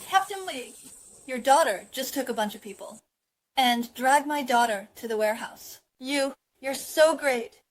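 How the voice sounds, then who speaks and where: Frantic pleading mother, high voice, anxious. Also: animated, a little slow, low-quality recording. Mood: desperate. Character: desperate mother pleading for her daughter. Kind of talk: dubbed drama acting.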